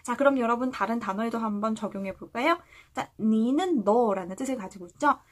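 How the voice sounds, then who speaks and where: A woman teaching a language lesson, asking questions and answering them herself, with slow, clear model readings for the viewer to repeat. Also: on the high side.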